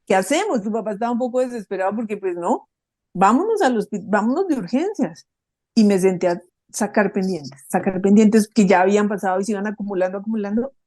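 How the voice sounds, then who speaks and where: A middle-aged woman co-hosting a podcast, talking in an animated, emphatic storytelling way. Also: mid-range voice, fast talker, dry recording. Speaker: podcast co-host. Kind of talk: casual conversational talk.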